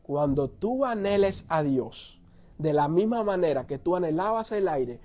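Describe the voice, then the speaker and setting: A male pastor preaching a sermon, telling stories with animation and dropping to soft, earnest tones. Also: a little high, animated, a little slow.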